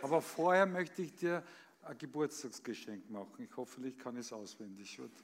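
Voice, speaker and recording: A man's voice: mid-range voice, animated, normal speed, background noise. A man with an Austrian accent reciting comic poems on stage with a theatrical, emphatic delivery. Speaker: actor reading on stage.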